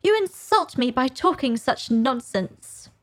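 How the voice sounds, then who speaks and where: A woman's voice: high voice, big pitch swings, slow, pitched above the performer's own voice, heavily acted, rough recording. A woman reading aloud and voicing a touchy, indignant little mouse. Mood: offended. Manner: indignant, huffy.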